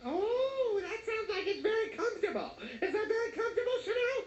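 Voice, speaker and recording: A man voicing a simple-minded, childlike 48-year-old man who talks in a high, innocent, eager way. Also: big pitch swings, a little fast, roomy sound, muffled recording, slight background noise. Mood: nervous, eager.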